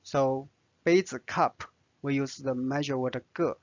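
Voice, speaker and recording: A man's voice: medium pitch, fairly even intonation, measured pace, no echo, muffled recording. A man with a Chinese accent teaching vocabulary, patiently spelling out each word and its tone. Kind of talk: slow vocabulary lesson.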